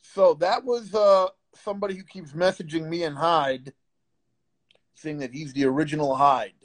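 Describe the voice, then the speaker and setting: High-voiced man taunting a caller. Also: moderate pace. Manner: taunting, profane, insulting. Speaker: host of a live stream. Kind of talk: confrontational live-stream chat.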